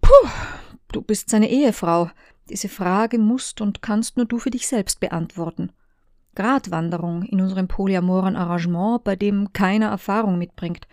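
A woman reading the messages of a conflicted woman, in a hushed, partly whispered delivery. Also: mid-range voice, moderate pace, no echo, studio quality, natural voice. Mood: tense. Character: Ines, a torn woman, former lover.

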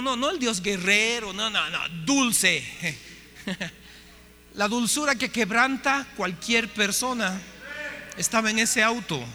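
A man, a pastor, telling a story in a sermon with lively acted-out dialogue. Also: high voice. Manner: animated storytelling, acting out dialogue. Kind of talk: sermon testimony. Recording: hall reverb, faint hum.

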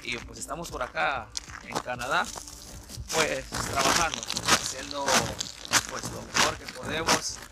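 A man from Guatemala with a gravelly, lively voice answers interview questions in a measured, slightly formal manner. Loud music plays in the background of the recording as he speaks outdoors in the snow. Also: mid-range voice. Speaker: guest, temporary worker.

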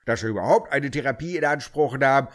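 A man narrating a comic audio story in a dry, deadpan way. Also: medium pitch, fairly quick.

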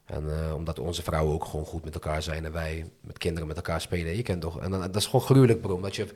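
A young man with a low voice talks candidly in an interview. His speech is full of urban Dutch street slang, loose and conversational. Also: steady tone, fast talker, a little mellow, slightly rough. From moved to the Netherlands from abroad as a child. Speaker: interview guest. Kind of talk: casual, candid interview chat.

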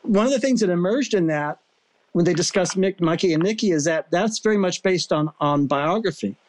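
Higher-voiced male podcast host, halting. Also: animated. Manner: rambling, halting questions with many restarts. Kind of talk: casual interview chat.

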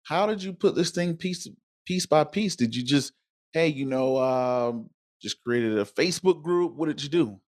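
A man's voice: on the high side, expressive, unhurried, darkish tone. A man hosting a casual live interview, talking in an informal, wordy and rambling way. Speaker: interviewer and host.

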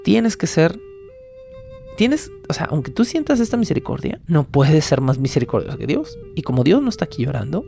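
Shrill bossy angel yelling and nagging, sound jumps way up and down, narrator putting it on. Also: big pitch swings, brisk, gravelly, soft background music. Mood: scolding. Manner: rebuking, mocking. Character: stern scolding angel guide, exasperated.

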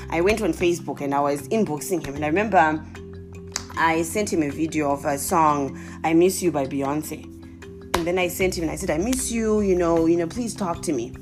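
A young Zimbabwean woman with a Zimbabwean accent and a lowish voice tells comic stories to her viewers. She's casual and animated, exclaiming and laughing often.

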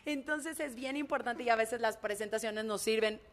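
Woman, Mexican accent, public speaker, expressive storytelling, frank colloquial speech, fairly high voice. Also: normal speed. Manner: expressive, imitates heartbeats and screams. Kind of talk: animated storytelling in conversation.

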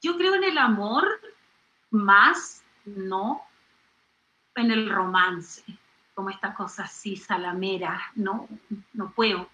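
A middle-aged Chilean woman in a studio interview, animated, exclaiming and acting out little voices as she talks. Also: medium pitch, slow pace, long pauses, echoey room, poor audio. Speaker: singer and comedian guest.

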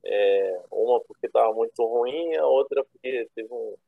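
Gravelly Rio man chatting over thin call. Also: mid-range voice, measured pace. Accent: Rio de Janeiro Brazilian. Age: 30s. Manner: informal and slangy, rambling. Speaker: guest, classic car owner. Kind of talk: casual storytelling chat. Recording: roomy, thin phone-like internet call.

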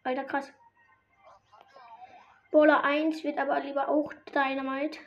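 A woman giving excited gameplay commentary, reacting loudly to each moment of the match. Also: high voice, unhurried, muffled recording, faint music behind. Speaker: gamer.

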